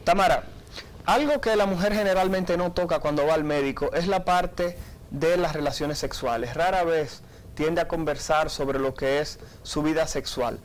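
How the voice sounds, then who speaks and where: A man's voice: fairly high pitch, moderate pace. A man hosting a radio call-in health show, politely putting listener questions to a doctor. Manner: polite, apologetic about line problems. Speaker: radio talk show host.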